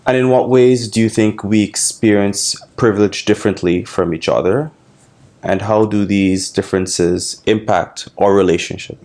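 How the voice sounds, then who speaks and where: A young man asking his partner questions in a calm, measured way during a personal conversation. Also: fairly low pitch. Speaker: interviewer, spouse of the guest. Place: indoor living room with bookshelves.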